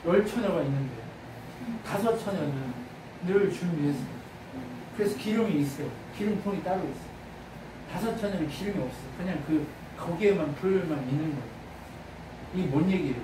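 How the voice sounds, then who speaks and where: Preacher, sermon delivery, call-and-response questions, sudden loud bursts; distant, roomy church sound. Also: medium pitch, fairly quick, pauses often, noisy background. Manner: fires rhetorical questions at the congregation. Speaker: pastor. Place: church sanctuary.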